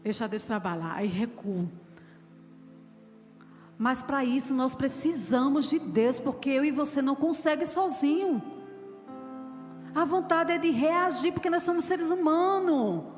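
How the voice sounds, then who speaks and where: A woman's voice: sits high, a little slow, pauses often, long reverb tail, faint music behind. A woman pastor, preaching a sermon with fervent personal testimony. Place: church.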